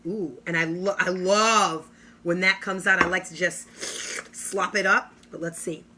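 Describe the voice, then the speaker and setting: A woman presents kitchen gadgets with eager, salesy enthusiasm, stretching out her exclamations. Her voice is bright and forward, with a faint hum of room ambience behind her. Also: on the low side, fairly even intonation, unhurried. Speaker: product demonstrator. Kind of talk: live kitchen product demo.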